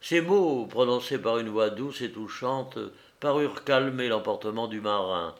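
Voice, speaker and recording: A man narrating a novel as an audiobook, in a measured, expressive storytelling manner that speaks to the listener. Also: lowish voice.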